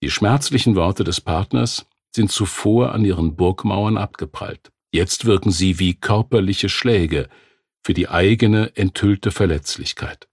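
A man reading a nonfiction text aloud in a calm, measured narration. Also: low voice, dry recording, clean studio sound. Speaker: audiobook narrator. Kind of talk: scripted narration.

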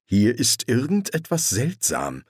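A man voicing a gentle, fussy male angel in an audiobook, prim and earnest, with his voice slightly raised. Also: mid-range voice, huge pitch swings, unhurried, breathy edge, no room sound, studio quality, exaggerated voice. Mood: uneasy. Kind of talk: audiobook character voice.

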